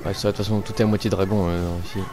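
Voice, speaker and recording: A man's voice: low voice, level tone, rapid-fire, music in the background. A man hosting a gaming video, giving casual, rambling let's-play commentary.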